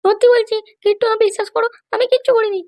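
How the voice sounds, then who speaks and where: Brief: a woman doing a meek cartoon wife, very high voice, quick pleading delivery. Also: fairly even intonation, darkish tone. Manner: pleading, protesting innocence. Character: pleading, put-upon young wife. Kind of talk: cartoon voice acting.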